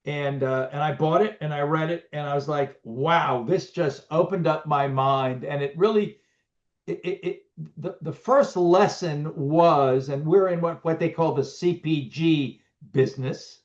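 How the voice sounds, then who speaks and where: A middle-aged business owner being interviewed, talking casually with many restarts and fillers over a video call. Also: male voice, on the high side, unhurried. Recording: muffled lo-fi audio.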